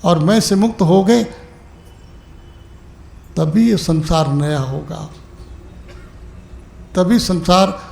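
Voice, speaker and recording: High-pitched, gravelly male spiritual teacher. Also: echoey room. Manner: addresses listeners fondly as "my dear" and "my brother"; shifts between rising exhortation and soft, slowed asides. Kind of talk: evening spiritual discourse.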